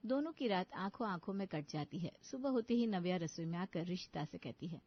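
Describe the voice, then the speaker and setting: A woman giving scripted narration of a children's story in an even storytelling voice. The sound is dull and lo-fi. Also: lowish voice, brisk.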